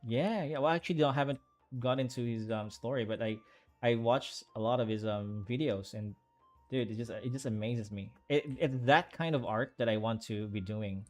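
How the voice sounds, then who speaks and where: A man's voice: mid-range voice, normal speed, darkish tone, soft background music. A man who is an artist, chatting casually on a livestream while he draws and rambling with lots of fillers and restarts. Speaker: artist streaming while drawing.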